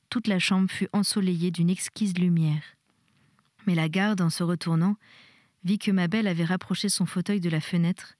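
A woman reads a storybook aloud in a measured, expressive way, her voice sitting fairly low. The recording is dry and close, with no echo. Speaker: audiobook reader. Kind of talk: storybook narration.

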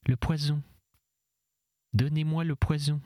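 A man reading an audiobook voices a young woman of twenty, hushed and breathy, urgent and resolute. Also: medium pitch, fairly even intonation, takes it slowly, no room sound, studio quality. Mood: anguished.

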